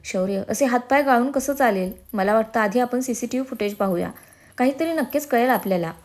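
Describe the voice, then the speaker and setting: A woman voicing a steady middle-aged father in a read-aloud story, speaking in a firm, practical way. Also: on the high side, a little fast, lightly acted. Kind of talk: storybook narration.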